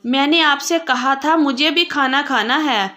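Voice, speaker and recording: A timid young bride in a storybook tale, speaking softly and shyly, as a woman narrator reads her. The voice is high and bright. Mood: hurt.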